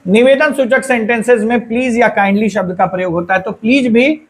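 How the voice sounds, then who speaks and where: A man teaching English grammar as a teacher in a lesson. He explains step by step, asks and answers his own questions, and says example sentences slowly. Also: extremely high pitch. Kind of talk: classroom-style grammar lesson.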